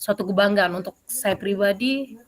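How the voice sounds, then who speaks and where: A woman PE teacher answering interview questions over a video call, telling a story in an animated way with many fillers. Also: medium pitch, moderate pace.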